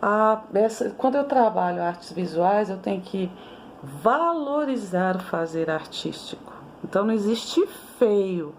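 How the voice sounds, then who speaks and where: A woman's voice: mid-range voice, animated, unhurried, a little hiss or hum. A Brazilian woman in her forties giving a conversational lecture on teaching young children, often tagging her sentences with "né?". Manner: conversational, with frequent "né?" tags and restarts. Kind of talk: recorded lecture on early childhood education.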